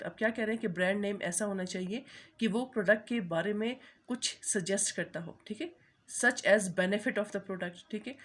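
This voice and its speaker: Husky woman giving a slow lecture. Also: medium pitch. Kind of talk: recorded marketing lecture.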